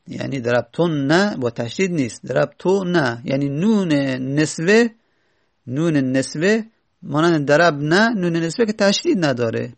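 Gravelly-voiced man teaching grammar. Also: fairly high pitch. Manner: methodical, repeats example words slowly. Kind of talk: Arabic grammar lesson explanation.

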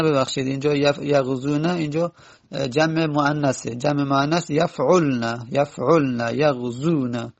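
Guy teaching grammar, gravelly voice, kinda dull lo-fi sound, says forms over slowly. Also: medium pitch, a little mellow. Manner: repeats word forms slowly, corrects himself. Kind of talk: spoken grammar lesson.

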